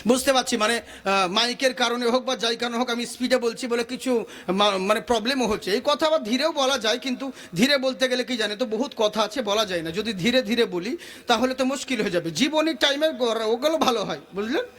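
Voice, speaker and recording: A man's voice: very high-pitched, a bit bright. A man preaching an Islamic sermon at speed, breaking into chanted rhymes and verses, talking into a microphone. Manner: rapid sing-song preaching with chanted verses. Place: outdoor religious gathering with PA mic.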